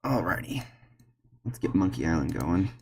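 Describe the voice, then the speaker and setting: A man's voice: low-pitched, big pitch swings, moderate pace, vocal fry, breathy edge. Chatty male streamer thinking aloud. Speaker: streamer and game developer. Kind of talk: casual gameplay commentary. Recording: game music playing behind.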